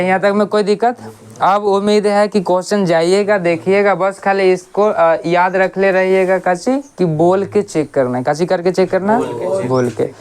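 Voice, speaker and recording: A coaching teacher gives a casual grammar lesson. They ask questions, answer them themselves, and repeat sounds slowly to show them. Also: mid-range voice, a little mellow, smooth.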